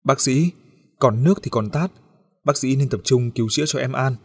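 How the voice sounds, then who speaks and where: A man's voice: medium pitch, normal speed, husky. A man voicing a young nurse who speaks timidly and politely to a doctor and a mother. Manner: soft-spoken, polite.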